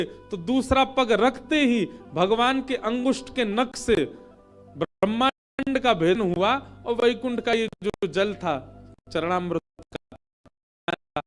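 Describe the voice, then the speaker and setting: A man telling a devotional religious story as a sermon, with expressive, swelling emphasis. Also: high-pitched.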